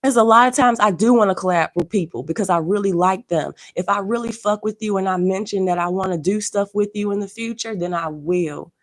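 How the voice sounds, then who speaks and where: A woman's voice: mid-range voice, fairly quick, few pauses, no room sound, clean studio sound. A woman who is losing her voice and feeling unwell speaks on a home livestream, scolding her viewers bluntly and with profanity while keeping her voice down. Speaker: social media artist and streamer. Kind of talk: live-stream rant to viewers.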